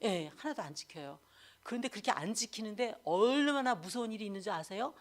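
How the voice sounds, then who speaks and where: A middle-aged woman evangelist preaching a sermon, telling her own story in a candid, animated way. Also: medium pitch, fairly quick.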